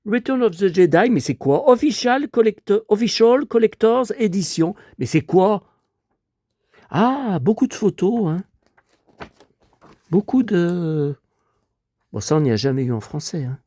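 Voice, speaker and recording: A man in his fifties with a slightly high voice, hoarse from a lingering cold. He chats in a rambling, nostalgic way, full of little asides, as he shows off his collection at home. The sound is dry and close, with no room echo. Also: expressive, measured pace, long pauses, darkish tone. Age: 50s. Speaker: collector showing his memorabilia. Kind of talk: casual collection show-and-tell.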